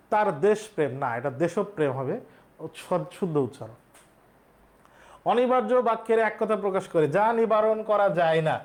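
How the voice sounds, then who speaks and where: A male teacher, explaining exam questions step by step and quizzing his students. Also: high-pitched. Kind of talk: exam-prep lesson.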